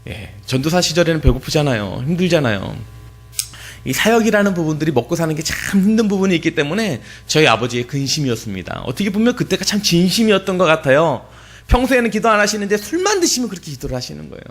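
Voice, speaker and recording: Man, pastor, sermon in church, very lively pitch, hushed then shouting. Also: fast. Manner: emotional storytelling, swinging from hushed to shouted.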